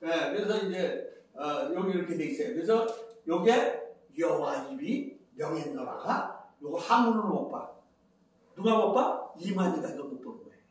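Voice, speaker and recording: A man's voice: on the high side, expressive, moderate pace. An older man giving a rambling Bible lecture as a preacher, chatty, counting and repeating phrases. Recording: very echoey, from far off the mic.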